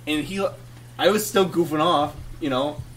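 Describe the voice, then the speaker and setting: Guy on a podcast telling a wild story, kinda high voice, sits back from the mic. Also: moderate pace, far from the mic, slight background noise. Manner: animated, laughs through his own story. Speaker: podcast co-host. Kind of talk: casual storytelling.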